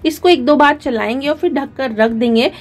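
A woman hosting a channel, narrating a recipe in a calm, step-by-step way frequent fillers and mixed in. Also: high voice, normal speed. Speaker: cooking channel host.

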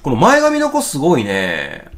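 A man with a Kansai accent giving casual, excitable reaction commentary as host, thinking aloud and exclaiming often. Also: fairly high pitch, normal speed. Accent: Kansai Japanese. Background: faint music video playing.

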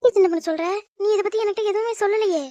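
A woman's voice: very high voice, rapid-fire, warm tone, no room sound, lo-fi sound. A woman voicing a fussy, suspicious middle-aged aunt in a cartoon, nagging and questioning. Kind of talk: animated cartoon dub.

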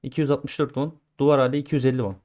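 A gaming streamer chats casually with his viewers as he plays, walking them through every attempt in a flat, racing delivery at an ordinary middle pitch. He grumbles when things go badly and cheers loudly when they go well.

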